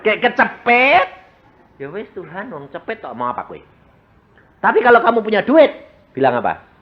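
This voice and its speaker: A man preaching a sermon with a Javanese accent, animated and joking, tossing rhetorical questions at the congregation. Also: high-pitched, normal speed, breathy edge, lo-fi sound. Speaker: evangelist preacher.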